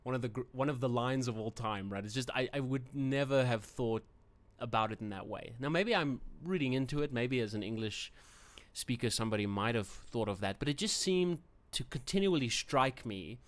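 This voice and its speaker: A young adult man hosts a casual livestream, rambling from topic to topic with fillers and self-corrections. He has a South African accent, speaks Afrikaans as his first language, and talks at a moderate pace in a medium pitch with hardly any pauses.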